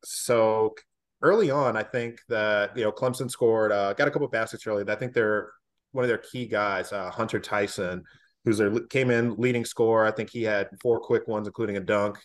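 A man's voice: fairly low pitch, fairly even intonation, normal speed. A man, a former college basketball player, talking casually as a podcast guest with many fillers and restarts.

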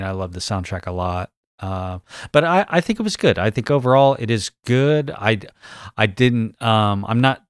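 A man with a lowish, clean voice recorded close and dry. He talks through his opinions in a hesitant way, stumbling and restarting phrases as he searches for words. It is easygoing podcast talk. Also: a bit bright, clean tone, no echo. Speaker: podcast movie reviewer. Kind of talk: casual chat.

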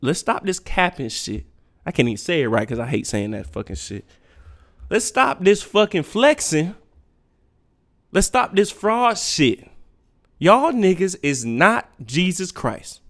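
A man rants on his own podcast, blunt and profane. His voice swoops wildly from low mutters to sharp high jabs. It sits a little higher than most men's. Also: big pitch swings, takes it slowly, pauses often. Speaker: podcast host. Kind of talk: unfiltered solo rant.

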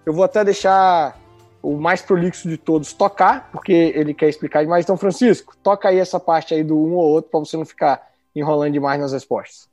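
A man's voice: fairly high pitch, a little fast, a little mellow, faint music behind. A man with a Bahian Brazilian accent, chatting informally and with slang as a podcast co-host. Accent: Bahian Brazilian Portuguese. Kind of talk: casual chat.

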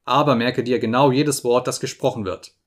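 A man reading an audiobook, voicing a gravely ill detective who speaks weakly but gives urgent orders. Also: medium pitch, normal speed, natural voice. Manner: urgent, insistent, giving orders. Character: sick feverish detective, weak but commanding.

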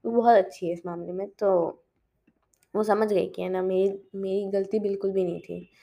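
A woman's voice: medium pitch, fairly even intonation, moderate pace, gravelly, dark tone. A teenage girl chatting casually in a diary-style vlog, mixing in English and often correcting herself mid-sentence. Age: teens. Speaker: vlogger.

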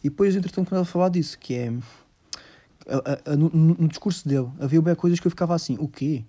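A young man with a Lisbon Portuguese accent chats straight to his listeners. His voice is very dark and mellow. He rambles through the story in loose slang, tossing in English words as he goes. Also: fairly high pitch, fast talker, slightly rough. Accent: European Portuguese, Lisbon. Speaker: vlogger telling a personal story. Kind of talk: casual storytelling monologue.

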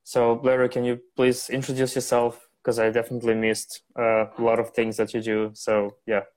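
A man's voice: medium pitch, monotone, moderate pace, a little mellow. A young man hosting a casual podcast interview, asking loosely phrased questions in a hesitant way. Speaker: podcast host.

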